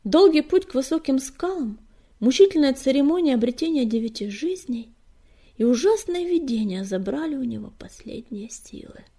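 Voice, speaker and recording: A woman narrating an audiobook, reading softly and breathily and often sinking to a whisper. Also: sits high, lively intonation, normal speed, breathy edge.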